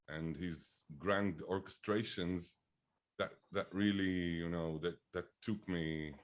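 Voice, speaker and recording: A film director in his fifties, born in Bulgaria, answering interview questions slowly, with many fillers and restarts. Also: low-pitched. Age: 50s. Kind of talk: interview conversation.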